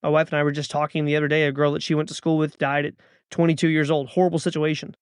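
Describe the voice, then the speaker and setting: A man's voice: a little high, flat delivery, very fast, clear, resonant tone, dry recording, studio quality. A man in his thirties hosting a podcast, delivering an earnest motivational monologue with urging, repeated calls to action. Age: 30s. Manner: earnest, urging, repetitive exhortations. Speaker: podcast host.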